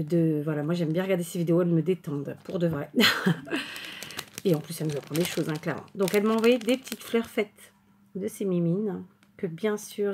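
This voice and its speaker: A woman's voice: lowish voice, slight background noise. A woman chatting casually to her viewers while unpacking crafting mail, full of fillers and restarts. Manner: chatty, many fillers and restarts, warm thanks. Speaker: crafting YouTuber. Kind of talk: casual chat showing mail and purchases.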